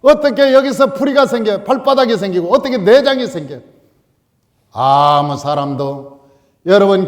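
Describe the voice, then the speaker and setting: A male pastor preaching a sermon, telling the story with animated acted-out quotes. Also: high voice, in a large hall.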